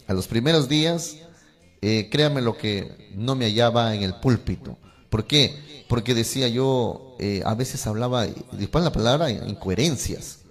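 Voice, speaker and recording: A man, a pastor, telling his own story in a sermon and speaking earnestly to fellow pastors. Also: medium pitch. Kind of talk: sermon testimony.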